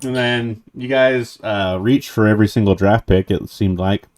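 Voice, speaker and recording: A man's voice: fairly low pitch, moderate pace, darkish tone. A man co-hosting a casual sports podcast, ribbing his friends with dry sarcasm. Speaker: podcast co-host.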